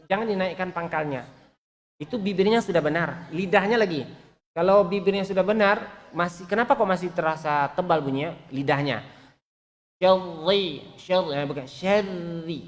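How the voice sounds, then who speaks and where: Patient male Quran teacher, reverberant. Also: high voice. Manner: patient, repeats sounds for students to copy. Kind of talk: online recitation class. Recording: long reverb.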